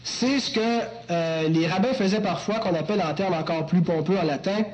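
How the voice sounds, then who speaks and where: A man's voice: high-pitched, normal speed, low-quality recording. A man preaching an expository sermon, teacherly with joking asides to the congregation. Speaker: pastor.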